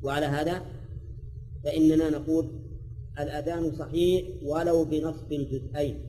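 A man's voice: fairly high pitch, little pitch movement, normal speed, dark tone, slight background noise. An older man teaching a religious lecture, explaining points step by step and demonstrating recitation aloud. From Saudi Arabia. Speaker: Islamic scholar teaching a hadith commentary. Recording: reverberant lecture hall recording.

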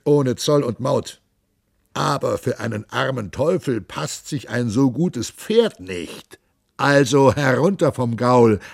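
A coarse robber captain growls and mocks in a storybook reading, as a man voices him. His husky voice rises and falls broadly. The sound is dry and close. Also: medium pitch, no echo, exaggerated voice. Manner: gruff, sneering. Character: gruff, mocking male robber captain.

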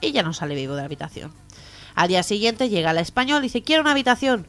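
A woman co-hosting a radio comedy show, telling jokes in a lively, playful way. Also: mid-range voice, fast talker, soft background music.

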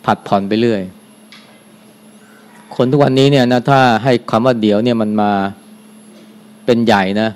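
An older man, a Buddhist monk, giving a dharma talk in a calm, unhurried way, softly ending his phrases with a gentle particle. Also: mid-range voice. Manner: calm, unhurried, adds a soft "na" at the end of phrases.

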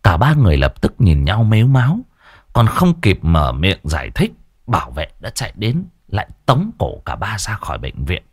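A man tells a ghost story in a low, husky voice. His delivery is animated, rising and falling with the tale, and the recording is dry and close. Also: moderate pace, no echo. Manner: lively, colorful storytelling.

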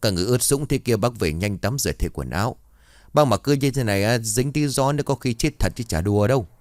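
A man playing a gruff old villager who grumbles and scolds in coarse, blunt speech. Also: mid-range voice, animated, fast, darkish tone, dry recording, natural voice. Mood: grumbling. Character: grumpy old village man, easily startled.

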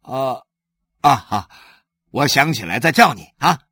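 A man's voice: mid-range voice, animated, measured pace, pushed and bright, slightly rough, no room sound, clean studio sound, full character voice. A man voicing a humble, easygoing working man in a storybook reading, modest and chuckling. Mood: eager.

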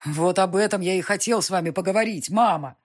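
A woman reading the lines of a stubborn young nobleman arguing with his mother, in her own husky voice with a sullen, insistent manner. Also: fairly low pitch, fairly quick, pitched above the performer's own voice, close to an everyday voice.

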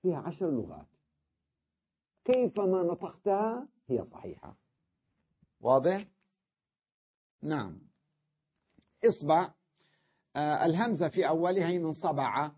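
A man's voice: fairly high pitch, sing-song, unhurried, pauses often, slightly rough, lo-fi sound. A male teacher giving a classroom lesson on Arabic grammar, explaining step by step and often checking that his students follow.

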